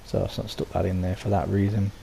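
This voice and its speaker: Walking through the settlement he built in a game, this man talks quickly in a casual voiceover, his voice deep, gravelly, and hoarse from a sore throat. He sounds dark and mellow with little change in pitch, rambling and restarting amid ums, while soft hiss lies underneath.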